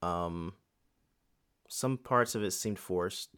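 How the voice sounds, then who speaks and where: A man's voice: sits low, takes it slowly, fairly bright tone, smooth. A man co-hosting a podcast in casual chat, laid-back and candid. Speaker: podcast co-host.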